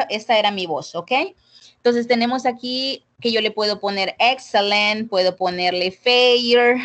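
A woman with a rather high, fairly bright voice runs a casual online English class over a video call, explaining how grading works. She's chatty, uses lots of fillers, and keeps checking in with her students. The sound comes through a computer mic.

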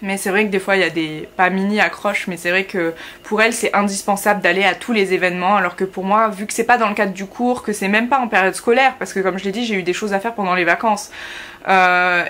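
A young French woman in her twenties, a master's student who vlogs, chats casually to camera from a small bedroom. Her mid-range voice is steady, quick and fairly bright, and she fills her talk with fillers and wry asides.

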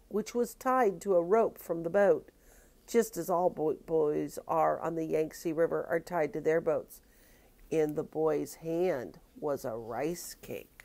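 An older woman, a grandmother, reading a picture book aloud with expressive, drawn-out storytelling. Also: fairly low pitch.

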